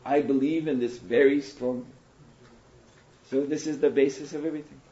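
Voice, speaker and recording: A man giving a sermon to an audience, telling stories in an animated way, now and then laughing. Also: mid-range voice, moderate pace. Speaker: monk lecturer. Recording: dull roomy lecture recording.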